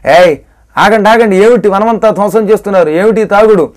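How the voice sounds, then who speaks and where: A man's voice: on the high side, fairly quick, close to an everyday voice. A man giving a religious discourse voices an indignant old male monkey who guards a royal garden and scolds the drunken troop. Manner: indignant, scolding then grumbling. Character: angry old monkey garden-keeper, uncle of the king.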